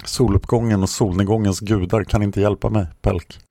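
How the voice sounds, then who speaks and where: A man reading the lines of a dying young woman, soft and tearful. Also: on the low side, steady tone, no echo, clean studio sound.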